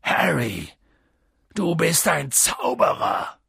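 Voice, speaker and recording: A man voicing a huge, hot-tempered but kindly male giant who growls and bellows in a raspy, gravelly voice. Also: big pitch swings, slow, sharp tone, no echo, studio quality, full character voice. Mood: gruff, kindly. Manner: booming outbursts swinging between growls and bellows.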